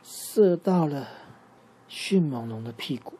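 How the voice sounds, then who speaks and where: A man improvising a bedtime story for a child, lively and asking the listener questions along the way. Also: fairly high pitch, slow, husky.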